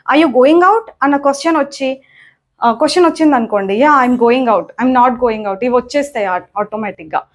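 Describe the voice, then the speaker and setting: A woman's voice: high-pitched, normal speed. A young woman teaching grammar in a spoken lesson on her words, repeating points and often checking in with "okay?". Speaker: English teacher.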